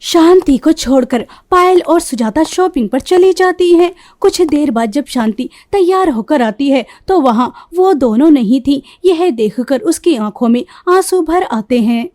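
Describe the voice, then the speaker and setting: A woman reading a cartoon story as narrator, in a steady, plain storytelling manner. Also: sits high, measured pace, hardly any pauses.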